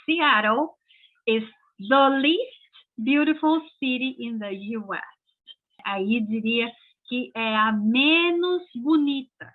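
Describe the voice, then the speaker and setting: A Brazilian woman teaching English in a casual, chatty way, often checking in with her listeners and saying her examples slowly and clearly. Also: a little high. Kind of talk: casual explanatory lesson. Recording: tinny phone-like audio.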